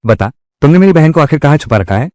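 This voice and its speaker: A man's voice: on the high side, very animated, quick pace, darkish tone, dry recording. A man voicing a fierce young hero, dry. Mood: threatening. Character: young man protagonist, fierce about his sister.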